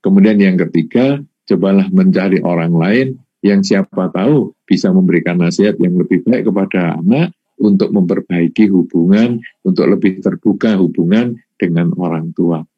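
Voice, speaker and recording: A man on an online talk show giving measured advice point by point. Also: sits low, slightly rough, no echo, lo-fi sound. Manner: measured, gives points in numbered order. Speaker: panelist answering audience questions.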